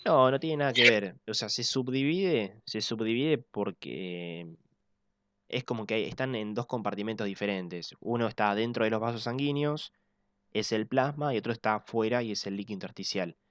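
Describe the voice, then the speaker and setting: A man teaching physiology in an online class, explaining step by step and slowing down to repeat key points. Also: on the low side, fairly bright tone, no echo. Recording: dull lo-fi dry sound.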